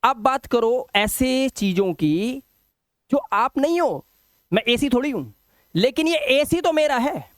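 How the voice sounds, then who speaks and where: A man's voice: very high-pitched, lively intonation, fairly bright tone, no echo. Dry-voiced male English teacher drilling words. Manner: explains slowly with repetition, addresses viewers directly; drills word lists in a slow, sing-song rhythm. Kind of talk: spoken English lesson in Hindi.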